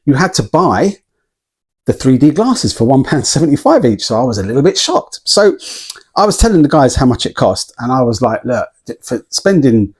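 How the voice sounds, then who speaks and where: Husky-voiced guy rambling through a casual vlog, lots of ums and laughs. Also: medium pitch, very animated, normal speed. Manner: chatty storytelling with frequent laughs and ums. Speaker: vlogger.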